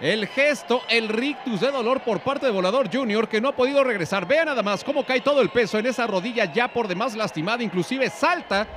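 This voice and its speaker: A man with a Mexican Spanish accent delivering florid, theatrical, excited lucha libre wrestling commentary. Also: very high voice, brisk, hardly any pauses. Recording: noisy arena behind the voice.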